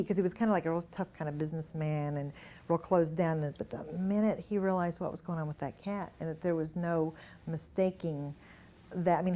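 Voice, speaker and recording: A woman energy healer giving a live talk to an audience in a room, telling animated anecdotes and chuckling as she goes. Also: on the low side. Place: indoor room with a gathered audience.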